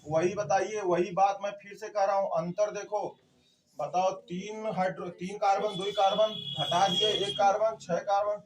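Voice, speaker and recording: A man's voice: high-pitched, little pitch movement, normal speed, far from the mic. A man teaching a chemistry class, quizzing the students and answering his own questions. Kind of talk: classroom lecture.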